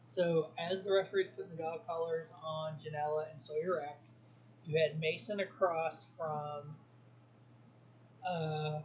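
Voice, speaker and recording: A man's voice: a little high, fairly even intonation, a little slow, a little hiss or hum, rough recording. A man hosting a wrestling review show, giving blunt opinions in a casual solo talk full of ums and restarts.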